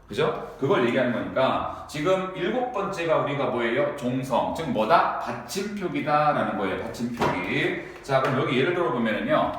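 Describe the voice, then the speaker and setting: A man teaching a lecture to students, who keeps asking them quick rhetorical questions. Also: mid-range voice, very animated, fairly bright tone, slight background noise. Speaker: Korean language teacher. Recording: very echoey room.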